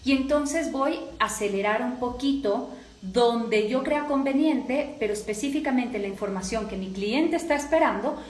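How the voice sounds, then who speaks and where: A voice and speaking coach with a Latin American Spanish accent gives an instructive course lecture in an echoey room. Her voice is fairly high and moderately paced, and she explains step by step, often checking that listeners are following.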